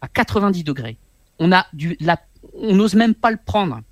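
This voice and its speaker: A man in his forties, a guest author, telling a personal story in an interview in an animated, halting way, often repeating his words. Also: sits high, no echo.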